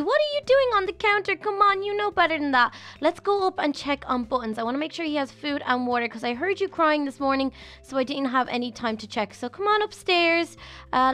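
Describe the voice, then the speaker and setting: Young woman with a high voice chatting thru a minecraft roleplay, motherly, kids music behind. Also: fairly bright tone. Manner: chatty and motherly, with gasps and lots of fillers. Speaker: YouTube role-play host. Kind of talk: Minecraft role-play narration.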